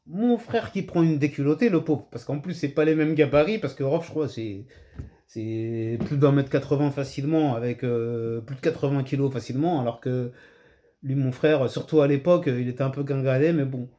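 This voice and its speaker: A middle-aged man of Comorian heritage casually telling a story to his channel's viewers, swinging between low asides and high excited exclamations. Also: moderate pace. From Comorian heritage, France. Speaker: channel host.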